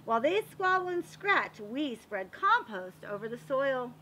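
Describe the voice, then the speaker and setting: Reading a picture book aloud for young children, a woman uses a high, bright voice with lots of melodic swing, explaining things expressively and a little slowly. The audio is poor, with faint background noise.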